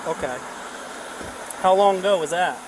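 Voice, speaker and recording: A male police officer with a slightly high voice, recorded on a body camera outdoors. He gives step-by-step instructions and questions, checking for agreement, over clear background noise. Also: normal speed. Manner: procedural, checks understanding with "okay?" and "all right?". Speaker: police officer at a traffic stop. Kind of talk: body cam audio of procedural questioning and instructions. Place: outdoors at a roadside traffic stop. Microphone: body-worn camera. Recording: noisy body camera audio, outdoor vehicle hum.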